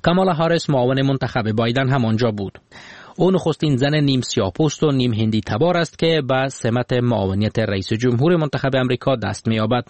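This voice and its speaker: Afghan Dari male news anchor, mid-pitched, dry sound, steady formal read. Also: no echo. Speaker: news presenter. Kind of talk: news report.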